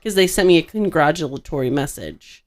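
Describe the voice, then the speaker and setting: A woman's voice: low voice, lively intonation, brisk. A woman hosting a podcast, chatting casually in a sick voice and often restarting her sentences. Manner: chatty, with frequent restarts and self-corrections. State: sick, congested voice. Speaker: podcast host.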